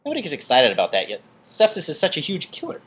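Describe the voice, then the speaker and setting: A man's voice: on the high side, huge pitch swings, fast, a bit bright, husky. An American man co-hosting an emergency medicine podcast, explaining clinical guidelines in an enthusiastic, teacherly way. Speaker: emergency physician podcast co-host.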